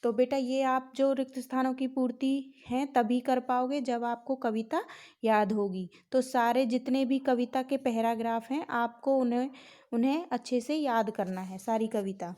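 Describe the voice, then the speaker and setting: Slow, high-voiced woman teacher. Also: fairly even intonation, warm tone. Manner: patient, slow and explanatory, calls students "beta". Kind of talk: classroom lesson explaining a workbook.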